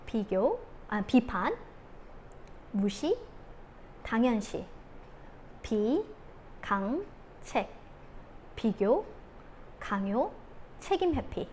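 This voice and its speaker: A woman giving a talk on parenting, who acts out scolding mothers in sharp outbursts. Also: a little high, a little hiss or hum. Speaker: parenting coach.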